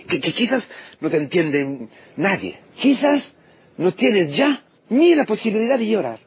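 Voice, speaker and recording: Man, priest's sermon, lively rising and falling voice, higher pitch, dull lo-fi sound. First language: Italian. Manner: impassioned, swinging from loud to hushed. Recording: dull lo-fi recording with faint noise.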